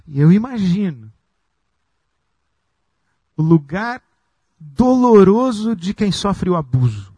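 A man preaching a sermon as pastor, slow and emphatic with long pauses. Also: high-pitched, big pitch swings, dark tone, breathy edge, no room sound.

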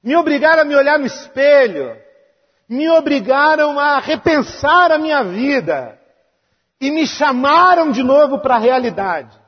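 A man's voice: very high-pitched, animated, a little slow. A male pastor preaching a sermon emphatically, stacking repeated phrases. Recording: dull lo-fi sound with long hall reverb.

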